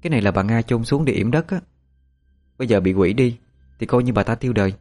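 A man's voice: medium pitch, expressive, quick pace, warm tone, natural voice. A man voicing a defiant young woman with a mocking, teasing manner. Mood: explaining.

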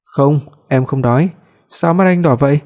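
Một người đàn ông đọc lời của một cô vợ trẻ hay nũng nịu, giọng năn nỉ, dỗi hờn. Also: male voice, on the high side, normal speed, dark tone, natural voice. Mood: tender. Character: young wife, playful and clingy.

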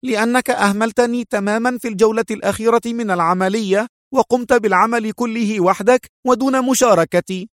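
A male narrator voicing a spirited young woman who speaks sharply in a raised falsetto. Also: a little fast, dry recording, studio quality, close to an everyday voice. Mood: indignant.

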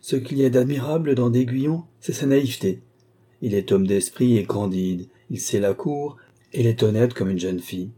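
A man's voice: mid-range voice, normal speed, dark tone, slightly rough, lightly acted. A man reading as a sly, ironic old court marshal.

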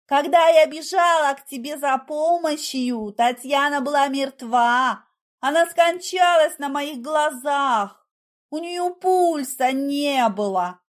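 Woman doing a high, jittery young heroine, loud and pleading, drawn-out words. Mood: agitated. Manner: agitated, pleading, high-strung.

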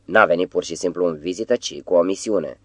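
A man's voice: sits low, fairly bright tone, no echo. A man voicing a weary, agitated middle-aged writer who speaks with exasperated irony. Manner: ironic, exasperated.

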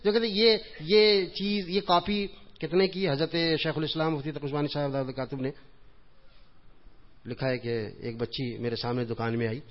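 Chuckling male preacher, lo-fi mosque tape. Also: mid-range voice. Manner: chatty storytelling, chuckles at his own jokes. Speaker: religious scholar giving a reform talk. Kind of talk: informal sermon with humorous anecdotes. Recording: dull lo-fi recording.

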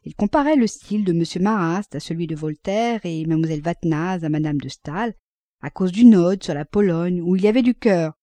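A woman narrating a classic novel as an audiobook, reading at a measured, even pace. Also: lowish voice, no echo.

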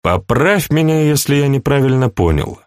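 A man reading an audiobook, voicing a dry-witted, blunt young count in a calm, wry manner. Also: mid-range voice, moderate pace, no room sound, pitched above the performer's own voice, natural voice. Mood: measured.

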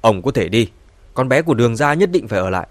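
A man's voice: medium pitch, animated, fairly quick, no room sound, close to an everyday voice. A scornful, scheming grandmother in a spoken audiobook, put on by a male narrator. She mocks and scolds with a cutting edge. The recording is close and dry. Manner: scornful, mocking. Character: sharp-tongued scheming grandmother, sneering and quick to anger.

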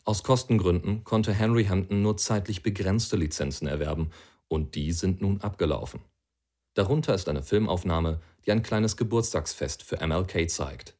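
A man's voice: deep voice, moderate pace, darkish tone. A man reading an argumentative passage aloud in an earnest, persuasive way. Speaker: audiobook reader.

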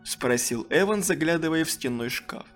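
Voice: medium pitch, normal speed, soft background music. Чтец аудиокниги, живо читает детский ужастик, интонация так и скачет, тихая музыка на фоне. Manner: acts out the children's lines in a raised, excited voice. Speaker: audiobook narrator. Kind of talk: scripted narration of a children's horror book.

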